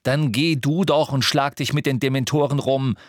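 A man's voice: mid-range voice, fairly even intonation, slow, no echo, clean studio sound, pitched above the performer's own voice. A man voicing a shaken, ashamed teenage boy wizard, speaking in a breathless, tense way. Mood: irritable.

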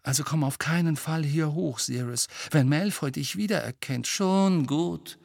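A man's voice: on the high side, normal speed, vocal fry, no echo, clean studio sound, pitched above the performer's own voice. A man reading an audiobook, voicing an earnest, protective teenage boy who pleads insistently. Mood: urgent, worried.

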